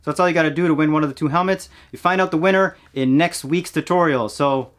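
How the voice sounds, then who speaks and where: A man in his thirties, a cosplay prop maker, talks through his build steps in a relaxed, plain way in a casual tutorial voice-over. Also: fairly high pitch, quick pace. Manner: relaxed, plain step-by-step explaining. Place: home workshop, indoors.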